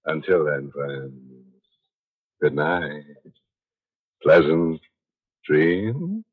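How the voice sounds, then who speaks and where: An actor playing a sardonic, ghoulish horror show host in the theatrical style of an old radio announcer, full of macabre wisecracks. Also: male voice, a bass voice, animated, very slow, husky, exaggerated voice. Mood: ominous glee. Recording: muffled old radio broadcast, background music.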